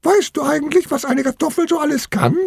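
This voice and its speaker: Guy doing a tiny squeaky potato, super high and chirpy, storybook voice. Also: fairly quick, vocal fry, dry recording, studio quality. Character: tiny cheerful talking potato.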